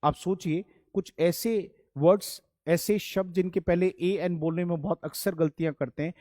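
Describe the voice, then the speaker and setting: A man's voice: high-pitched, fairly even intonation, moderate pace, dark tone, no echo, clean studio sound. A man teaching an English grammar lesson, patient and repeating key points while addressing his students as children, with an Indian accent. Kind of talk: classroom-style grammar lesson.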